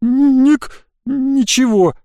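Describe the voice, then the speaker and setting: Brief: male reader doing a frightened, whimpering boy, high and thin, dry close sound. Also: big pitch swings, normal speed, no room sound. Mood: wailing. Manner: plaintive, wailing. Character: scared whiny young boy, red-haired friend. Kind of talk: audiobook character voice.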